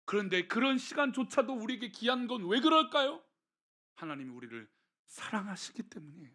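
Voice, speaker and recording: High, bright-voiced preaching pastor. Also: male voice, sing-song, brisk. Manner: emphatic, shifting between raised exhortation and soft hushed appeals. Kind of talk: sermon. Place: church.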